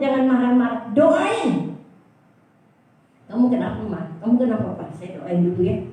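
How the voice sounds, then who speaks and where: Older woman pastor, sermon, fairly high and mellow voice, echoey church heard from a distance. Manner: lively, repeats the key phrase, asks the congregation questions. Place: church hall.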